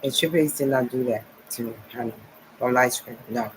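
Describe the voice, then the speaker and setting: A New Jersey man in his forties, a vlogger, addresses his viewers in a rambling, repetitive monologue full of "okay" and "nice." His medium-pitched voice runs a little fast against background noise.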